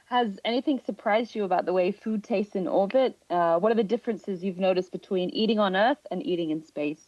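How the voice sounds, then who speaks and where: A woman's voice: mid-range voice, brisk, a little mellow, dry recording, dull audio. A woman interviewer putting prepared questions in a conversational way.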